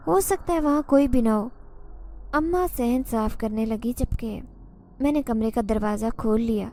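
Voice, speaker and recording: Woman, first-person horror narration, tense, dramatic, higher pitch, warm mellow voice. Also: a little hiss or hum.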